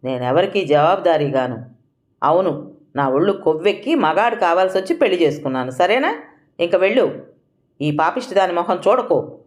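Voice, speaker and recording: A woman's voice: medium pitch, very animated, normal speed, a little mellow, voice pushed up, close to an everyday voice. A woman voicing a firm, stern elderly mother.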